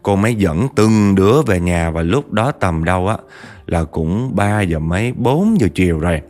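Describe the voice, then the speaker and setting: Deep-voiced Southern Vietnamese storyteller. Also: male voice, animated, moderate pace, a little mellow, faint music behind. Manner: chatty, addresses listeners directly, acts out quotes. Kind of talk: casual spooky storytelling.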